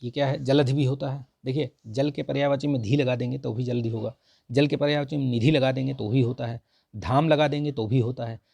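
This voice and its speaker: A man's voice: medium pitch, fairly even intonation, brisk, gravelly, dark tone, no echo. A male teacher explains answers to an exam practice test, repeating the correct forms and saying "ठीक है" between points. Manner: repeats the right forms and says "ठीक है" often. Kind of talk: explaining a Hindi vocabulary test.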